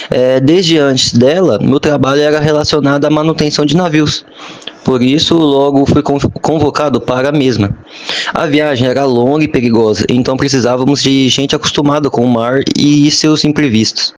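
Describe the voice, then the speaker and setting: A young man playing an earnest Portuguese ship hand, remembering the voyage with a slightly halting delivery on a school podcast. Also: mid-range voice, lightly acted. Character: male Portuguese ship maintenance sailor, earnest. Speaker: interviewee. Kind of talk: school podcast role-play.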